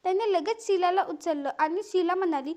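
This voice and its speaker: Woman, storyteller, scripted narration, calm even reading, very high voice. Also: brisk.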